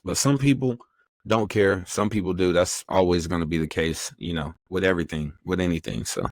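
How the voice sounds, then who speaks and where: A man with a somewhat low voice talks casually in a podcast chat. He rambles and gets animated, acting out little quotes as he goes. The sound is dry and close. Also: fairly quick, no room sound. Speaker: podcast co-host.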